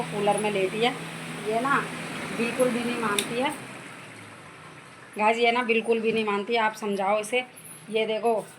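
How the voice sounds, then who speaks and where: A middle-aged woman and mother chatting casually to viewers from her home kitchen, repeating herself and calling them guys. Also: mid-range voice. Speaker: vlogger, mother. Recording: noisy home phone recording.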